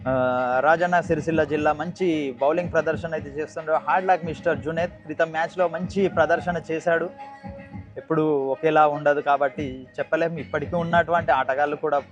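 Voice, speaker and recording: A man's voice: a little high, level tone, fast, dull audio, faint music behind. A man with a Telangana Telugu accent giving live cricket commentary, repeating and rephrasing himself and mixing in English cricket terms.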